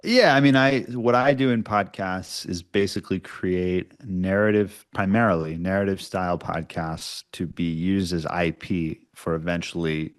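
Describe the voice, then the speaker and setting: A podcast producer appears as an interview guest, explaining his work in an informal, conversational manner. His deep, smooth voice holds a steady tone at normal speed with hardly any pauses.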